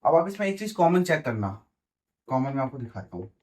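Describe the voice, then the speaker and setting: A man's voice: medium pitch, very animated, brisk, a little mellow. A man with a Hindi accent teaching English grammar, repeating words and checking that his students follow. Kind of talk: explaining grammar at a board.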